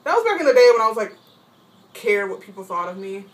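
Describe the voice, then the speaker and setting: A woman's voice: sing-song, quick pace. A young woman vlogging from home, telling a long rambling story and saying "like" constantly. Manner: rambling, says "like" constantly, mimics friends in high voices. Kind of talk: casual storytelling. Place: at home, painting her toenails. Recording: distant mic, faint background hiss.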